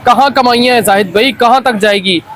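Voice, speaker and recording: Casting: Pakistani male trader, high voice, insistent repetitive hard-sell patter, faint background noise. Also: a little fast, fairly bright tone. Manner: repeats his lines insistently. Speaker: wholesale toy seller presenting stock. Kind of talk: unscripted hard-sell product pitch.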